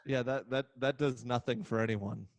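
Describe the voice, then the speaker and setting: A man's voice: mid-range voice, fairly even intonation, normal speed, no echo. A man hosting a casual podcast over a video call, sarcastic and swearing freely. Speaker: podcast host.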